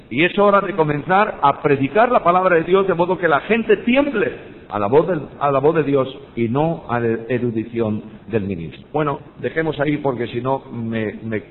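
An older man with a Spanish accent from Spain teaches about preaching, speaking emphatically and putting rhetorical questions to his listeners. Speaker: Bible teacher. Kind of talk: teaching on preaching, with personal anecdotes. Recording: tinny phone-like audio with long hall reverb and faint rumble.

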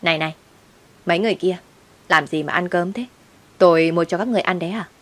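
A woman voicing a loud, aggressive young woman who picks fights. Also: on the low side, fast, close to an everyday voice. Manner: shouting, aggressive.

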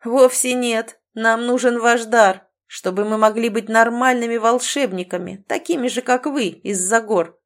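A woman voicing a short, toothless male bandit with a slow, leering drawl. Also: fairly high pitch, natural voice. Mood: snarling.

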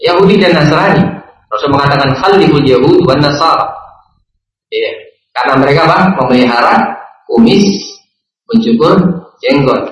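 A man giving a religious lecture, asking and answering his own questions and repeating a set blessing between phrases. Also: a little high. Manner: repeats a set blessing, slow pauses, asks and answers himself. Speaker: preacher. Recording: roomy, dull lo-fi recording.

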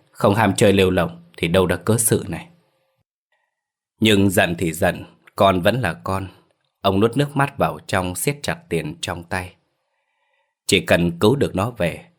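A man's voice: deep voice, moderate pace. A man narrating a ghost story in a somber, dramatic scripted reading.

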